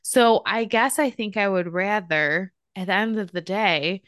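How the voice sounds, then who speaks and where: A woman's voice: medium pitch, measured pace, fairly bright tone, no room sound. Chatty woman podcast host, dry sound. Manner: gushing, chatty, many fillers. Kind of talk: casual book and film chat.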